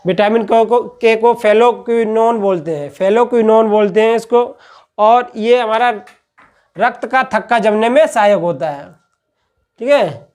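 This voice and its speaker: A man's voice: high voice, takes it slowly, darkish tone. Male lecturer, patient and repetitive, asks questions then answers them. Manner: repeats "ठीक है" after each point. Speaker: teacher. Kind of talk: classroom-style lecture.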